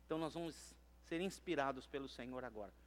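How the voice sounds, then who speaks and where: A man with a Brazilian accent, a pastor preaching a lively, humorous sermon in a church, moving from soft asides to loud calls to the congregation. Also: medium pitch, fast. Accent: Brazilian Portuguese. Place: church sanctuary.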